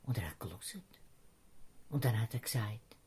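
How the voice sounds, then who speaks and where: Speaking at a moderate pace, a woman with an extremely low, slightly breathy voice narrates a Bible story for children. She has a Swiss German accent and brings it to life by performing the characters' voices.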